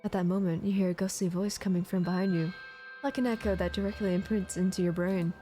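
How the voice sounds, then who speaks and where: A woman's voice: on the low side, steady tone, fast talker, mellow. A woman streaming a game, reading its text aloud expressively and adding casual commentary. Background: music.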